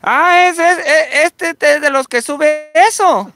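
A woman's voice: high-pitched, slow pace, a bit bright. A middle-aged woman, the mother, chatting in a supportive way and often repeating herself as she talks. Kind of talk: casual conversation.

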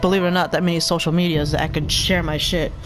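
A woman's voice: on the low side, level tone, fast talker. A woman streaming a video game, rambling casually between gameplay and swearing freely. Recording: voice over game music.

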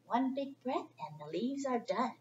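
In a library's indoor children's area, a middle-aged woman reads a picture book to kids at a measured pace in a high, very lively voice. She's expressive and chatty, using simple phrasing and informal asides. A distant camera mic across the room gives lo-fi, echoey sound.

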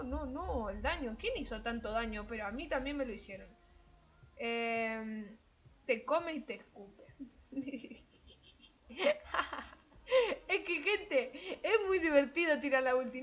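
A young woman chatters through her gameplay in a high voice. Her commentary is excitable and self-mocking, and she laughs and shrieks easily as the match goes on. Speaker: gaming streamer.

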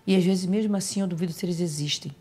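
Woman guest telling her own story, somewhat low-pitched, emotional, stops and repeats herself. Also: warm tone, breathy edge. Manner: emotional, halting, repeats phrases. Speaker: interview guest. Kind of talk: personal storytelling in an interview.

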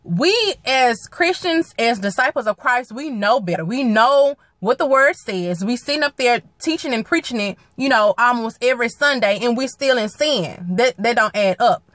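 Young woman, high bright voice, earnest preaching, dry close phone sound in a car. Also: lively intonation, moderate pace, hardly any pauses, no room sound. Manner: earnest exhortation, repeats phrases, quotes scripture. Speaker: ministry vlogger. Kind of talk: preaching vlog. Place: parked car. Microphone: phone at arm's length.

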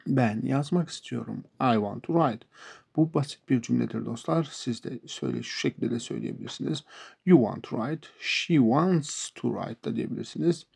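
Gravelly-voiced Turkish man teaching English. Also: mid-range voice, expressive, darkish tone. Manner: slow, repeats words and example sentences. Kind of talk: explaining English verbs to beginners.

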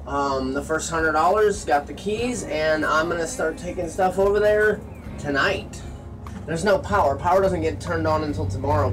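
A man's voice: on the high side, far from the mic, poor audio. A man in his late thirties, talking casually to his viewers in a rambling, musing way from a small gas station kiosk, filmed on a handheld phone. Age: 30s. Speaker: vlogger. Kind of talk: casual solo vlog to camera. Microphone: phone held close at arm's length.

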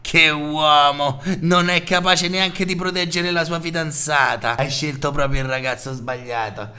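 A man's voice: a little high, fairly even intonation, unhurried, sharp tone, clean tone. A man voicing a big male monster school bully who taunts and laughs at smaller kids. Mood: taunting. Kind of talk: roleplay voice acting.

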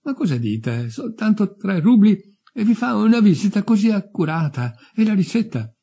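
Man doing a fretful stammering youth, high thin voice, husky. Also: very animated, normal speed, mellow, exaggerated voice. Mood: anxious. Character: nervous young man, newly dead, stammering. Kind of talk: audiobook character voice.

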